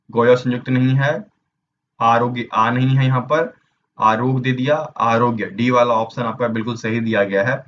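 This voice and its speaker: A man's voice: mid-range voice, fairly bright tone. Male Hindi teacher spelling out words. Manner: spells words out letter by letter, asks the viewer questions. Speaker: Hindi teacher for exam prep. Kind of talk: exam-prep lesson. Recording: slightly dull lo-fi recording with faint ambient noise.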